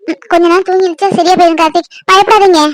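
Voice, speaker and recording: A performer voicing a shy, caring young newlywed bride in a cartoon, speaking softly and pleadingly. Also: extremely high pitch, fairly even intonation, racing, no room sound. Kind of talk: cartoon voice acting.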